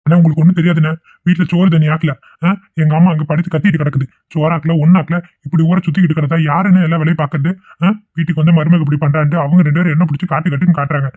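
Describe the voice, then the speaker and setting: A man with a Kongu Tamil accent voicing an angry young village husband who shouts and nags in a cartoon. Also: a little high, little pitch movement, racing, few pauses, no echo, natural voice. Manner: shouting, nagging. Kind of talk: cartoon voice acting. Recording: tinny lo-fi phone-like audio.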